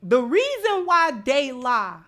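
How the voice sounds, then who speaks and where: During impassioned livestream commentary, a woman reads out chat messages and repeats phrases with emphasis to drive her points home. Her voice sits high and is a bit bright, very animated, and slow.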